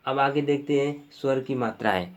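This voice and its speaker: A man's voice: mid-range voice, normal speed. A male teacher giving an exam-prep grammar lesson, explaining step by step and often repeating himself with fillers.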